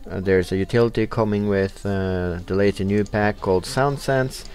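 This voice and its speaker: A young Norwegian let's play host casually comments on a computer game with a Norwegian accent, reading in-game text aloud hesitantly with many uh fillers. His voice is lowish and darkish at normal speed, over soft background music.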